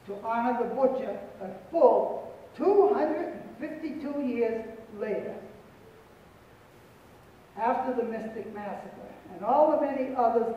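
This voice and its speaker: An older man giving a solemn, deliberate prepared speech on a panel, repeating phrases for emphasis. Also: extremely high pitch, a little hiss or hum. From Pequot territory, New England. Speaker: panel speaker. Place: auditorium stage, large indoor hall. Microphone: far room mic. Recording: echoey hall from far off, dull.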